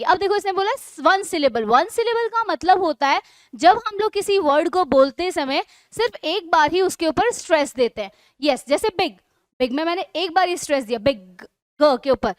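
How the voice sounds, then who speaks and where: High-voiced woman teaching spelling rules. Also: no room sound. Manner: explains in Hindi mixed with English, asks and answers own questions; reads English rules slowly and deliberately. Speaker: English teacher. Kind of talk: online spelling lesson.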